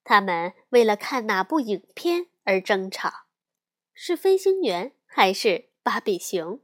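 A woman with a mid-range voice reads a children's picture book aloud at a slow pace, using an expressive storytelling style.

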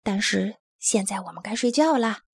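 Woman doing a kind polar bear cub, soft, reassuring, breathy, storybook. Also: mid-range voice, expressive, moderate pace, no echo, studio quality. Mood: gentle. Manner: gentle and reassuring.

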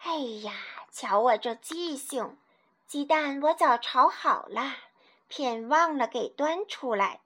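A woman voicing a kind, forgetful, hard-of-hearing old grandmother, speaking gently and softly. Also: sits high, expressive, slow pace, exaggerated voice. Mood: soft, soothing. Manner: gentle, soothing, soft-spoken.

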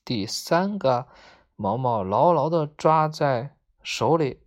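A woman narrating a children's story in a gentle, measured way. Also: very deep voice, lively intonation.

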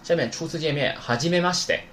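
A man's voice: on the high side, rapid-fire, a little hiss or hum. A man teaching a beginner vocabulary lesson in a chatty, teasing way. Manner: lively, chatty, teasing asides. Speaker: Japanese teacher.

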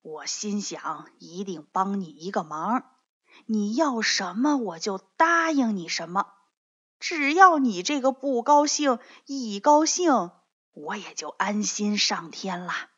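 A woman voicing a kindly old male immortal in a children's story, speaking slowly and soothingly. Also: medium pitch, lively intonation, fairly bright tone, breathy edge, heavily acted. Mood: gentle, coaxing. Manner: slow, soothing, drawn-out words. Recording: dull lo-fi recording.

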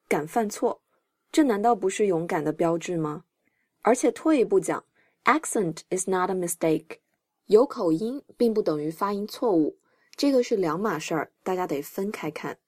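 A woman teaching English on her podcast, talking in an encouraging way as she explains each term one step at a time. Her voice sits at an ordinary middle pitch for a woman. It is recorded close and dry, with no room sound around it. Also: a little mellow, dry recording. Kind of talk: scripted podcast lesson.

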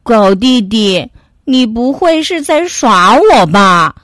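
A woman voicing a big, kindly male bear in a children's story, speaking deep and earnestly. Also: lively intonation, slow, fairly bright tone, no echo, studio quality. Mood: warm. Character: big kindly bear brother, easily upset.

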